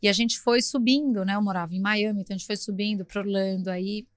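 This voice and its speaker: A middle-aged woman from Brazil, a podcast guest who tells her story in a lively, talkative way, acting out sounds as she goes. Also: mid-range voice, fast, no echo, studio quality.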